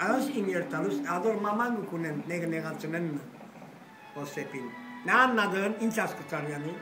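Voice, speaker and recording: An older man holding forth at a cafe table, boisterous and rambling, swearing and breaking into loud outbursts. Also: high-pitched, brisk, distant mic. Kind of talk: rowdy table talk. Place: cafe with glass front, indoors. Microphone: phone camera across the table. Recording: echoey room, voice off-mic, music behind.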